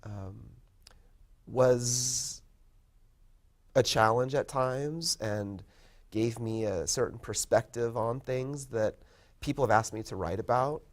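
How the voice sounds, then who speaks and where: A man in his fifties, a poet and professor, talking in a casual interview, thoughtful and modest, pausing often with ums and restarts. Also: mid-range voice. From born in Korea, raised in California. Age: 50s. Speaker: poet and college professor, guest.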